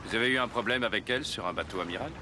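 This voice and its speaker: An actor in a dubbed TV drama playing a measured, businesslike navy officer with a matter-of-fact manner. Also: male voice, fairly low pitch, lightly acted. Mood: curious. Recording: loud boat and water noise.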